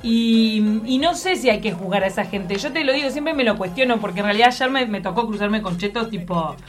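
A woman's voice: a little high, expressive, fairly quick. A woman with a posh Montevideo accent and a nasal, upper-class way of talking, hosting casual radio studio chat. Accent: posh Montevideo Uruguayan. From Montevideo, Uruguay. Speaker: radio show host.

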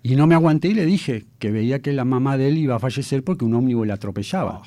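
A man's voice: mid-range voice, lively intonation, fast, dark tone, no echo. A man in his fifties with a Uruguayan accent, a guest telling stories from his childhood in a talk-show interview. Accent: Uruguayan Spanish. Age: 50s. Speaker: guest, mentalist.

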